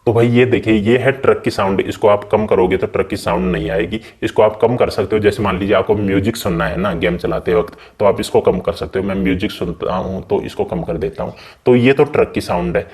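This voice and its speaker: A man's voice: lowish voice, fairly quick, hardly any pauses, a little mellow. A man hosting a gaming channel, casually walking viewers through a game's settings in a chatty way and often calling them brother. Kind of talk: casual game settings walkthrough.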